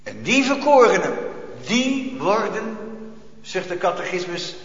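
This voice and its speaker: Male pastor, high voice, unhurried emphatic sermon, church hall echo. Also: big pitch swings. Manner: slow, emphatic preaching with rising, swelling calls. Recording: echoey church hall, dull sound.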